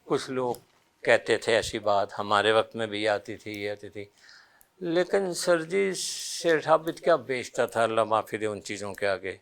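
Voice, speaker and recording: A man's voice: on the low side, lively intonation, vocal fry, a bit bright. Older man telling old stories. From Pakistan. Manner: storytelling, quoting others in Urdu and English. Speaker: interview guest. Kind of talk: recounting political memories.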